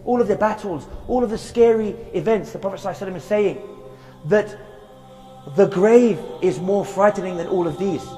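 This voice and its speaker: A man's voice: high-pitched, warm tone, long reverb tail. A man giving an earnest religious reminder outdoors in a graveyard, repeating phrases for emphasis and reciting verses. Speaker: Islamic preacher.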